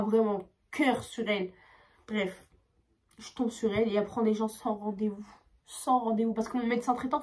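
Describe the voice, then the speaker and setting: A young woman telling a storytime vlog, tired, expressive and swearing as she acts out her dialogue. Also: on the high side. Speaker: vlogger.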